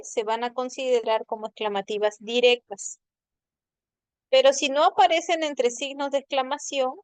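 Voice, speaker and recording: Clear-voiced woman teaching a language class. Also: fairly high pitch, dry recording. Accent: Peruvian Spanish. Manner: patient, explanatory, checks in with students. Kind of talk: online class lecture.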